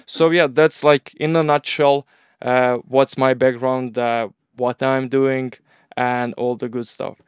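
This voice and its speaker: Croatian-accented young man, smooth voice. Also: medium pitch, takes it slowly, dry recording, clean studio sound. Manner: relaxed, rambling, uses "bro" and "like". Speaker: agency owner, guest. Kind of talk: casual interview talk.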